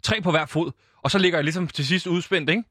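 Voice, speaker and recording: A man telling an absurd story in deadpan style, rambling and laughing at his own tale. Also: a little high, no room sound, studio quality. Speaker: storyteller in comic interview.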